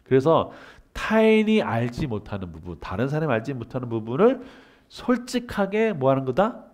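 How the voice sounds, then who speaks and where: A man's voice: mid-range voice, moderate pace. A man giving a humanities lecture, asking questions and then answering them himself, and acting out everyday dialogues. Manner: acts out everyday dialogue in lively voices.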